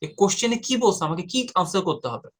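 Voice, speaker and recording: A man's voice: high-pitched, expressive, very fast, fairly bright tone. A man from Bangladesh teaching an exam-prep lesson in a direct, informal way, addressing the viewer as brother. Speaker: IELTS tutor. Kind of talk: casual explanatory lesson.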